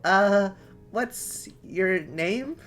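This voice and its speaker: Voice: mid-range voice, lively intonation, very slow, fairly bright tone, faint music behind, pitched above the performer's own voice. A streamer voicing an eager friendly boy. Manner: cheerful, trying to stay friendly. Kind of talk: voicing a character in a story game.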